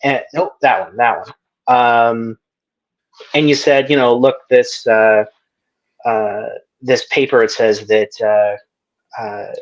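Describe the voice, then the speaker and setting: A man's voice: mid-range voice, steady tone, slow pace, long pauses, muffled recording. A man joining a debate stream as a guest, speaking casually with many hesitations and restarts.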